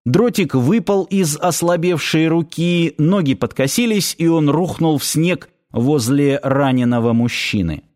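A man narrating an audiobook in a measured reading voice. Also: a little high, a little mellow. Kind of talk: scripted narration.

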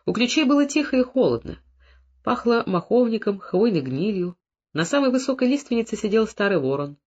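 A man narrating a novel in a measured, descriptive audiobook reading. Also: high voice, big pitch swings, muffled recording. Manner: measured, descriptive, plays every character.

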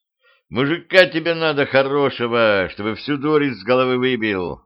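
A gruff, blunt cemetery watchman, as a man reading a homemade audiobook plays him. The voice is mid-pitched and close to the reader's own. The sound is dull and lo-fi. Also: normal speed, natural voice.

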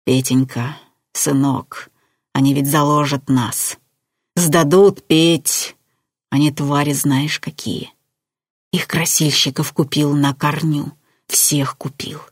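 Woman doing a gruff, hushed hunter father. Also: fairly even intonation, takes it slowly, dry recording, studio quality, full character voice. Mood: hushed, fearful. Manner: low, hushed, muttering. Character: gruff middle-aged hunter father, frightened and bitter.

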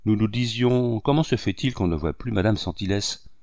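A man's voice: fairly low pitch, normal speed, a little mellow, no echo, studio quality, close to an everyday voice. A man reading a courteous middle-aged painter. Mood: welcoming.

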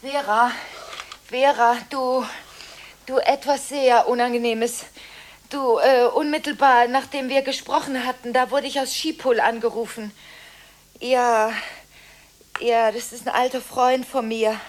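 In a radio drama, an actress plays a scattered, jittery woman who stammers through phone calls, swinging between whispers and sudden loud outbursts. Her fairly high, steady voice moves a little slowly, lightly acted in a chatty, nervous mood.

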